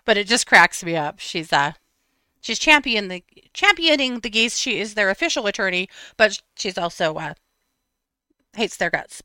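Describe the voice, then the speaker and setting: Woman in her 50s, host, bright lively read, chatty storyteller who breaks into laughs. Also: mid-range voice, normal speed, smooth, no room sound. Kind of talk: casual storytelling chat.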